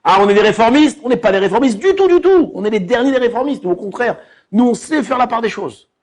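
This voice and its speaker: A man's voice: extremely high pitch, fast. A man, a rabbi, giving a colloquial Torah lesson, telling stories and acting out the scenes in them. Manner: animated, colloquial, acts out scenes.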